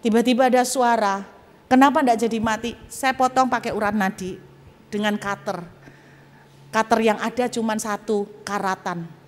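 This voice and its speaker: A woman guest preacher telling a personal testimony in a sermon, animated and humorous, with casual colloquial asides. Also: mid-range voice, normal speed. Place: church auditorium. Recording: long church hall reverb.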